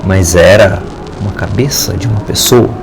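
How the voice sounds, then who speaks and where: Low-voiced man narrating a horror tale. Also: moderate pace, noisy background. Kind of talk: scripted first-person horror narration.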